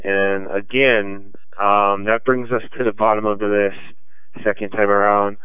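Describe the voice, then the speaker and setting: Lowish man over a tinny ham radio. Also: little pitch movement, clean tone, dry recording. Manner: unhurried and measured, many ums. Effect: heard over a two-way radio. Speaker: net control of an amateur radio net. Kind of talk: ham radio net, calling for check-ins. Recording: tinny radio transmission, dry.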